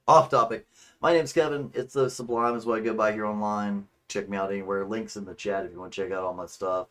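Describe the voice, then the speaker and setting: A man with a fairly low voice talks casually to his livestream viewers as a gaming host. His delivery is informal, rambling and a little crude. The microphone gives him a tinny, faintly echoing sound from an untreated room. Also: little pitch movement, fast, hardly any pauses. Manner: informal, rambling, mildly profane. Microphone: streaming microphone. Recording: tinny, slightly echoing streaming mic.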